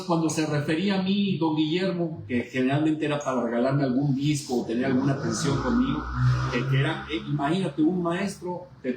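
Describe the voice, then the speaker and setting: A man's voice: a little high, darkish tone. A man talks through his memories, looping back on words as he hunts for them. He sits in a roomy, echoing space with a faint background hiss. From Veracruz, Mexico. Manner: reminiscent, repeats words while searching for them. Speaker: poet and guest. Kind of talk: conversational interview, poetry recital.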